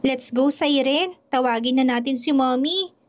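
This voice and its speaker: A woman voicing a small, tearful and hurt boy who speaks slowly and plaintively. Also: high-pitched, natural voice. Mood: urgent.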